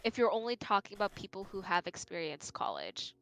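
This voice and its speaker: A woman's voice: mid-range voice, sing-song, fairly quick, a bit bright, a little hiss or hum, poor audio. Woman streamer chatting and laughing over a game, bouncy voice. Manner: joking, laughs easily. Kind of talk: casual chat while playing a game.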